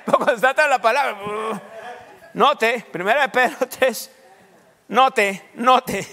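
A man's voice: extremely high pitch, takes it slowly, pushed and bright. A male pastor preaching a teaching sermon, quizzing his congregation and dropping English fillers. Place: church hall. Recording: echoey church hall.

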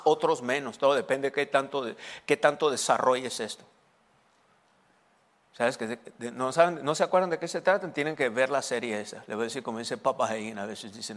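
A man's voice: mid-range voice, a bit bright, in a large hall. A male pastor preaching a sermon to his congregation, asking them questions and repeating key phrases for emphasis. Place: church hall.

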